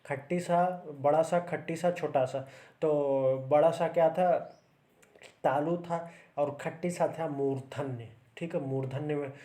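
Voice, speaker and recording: A man's voice: on the high side, measured pace, warm tone. A man teaching grammar for exam preparation, explaining step by step and checking in often with the viewer. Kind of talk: exam-prep grammar lesson.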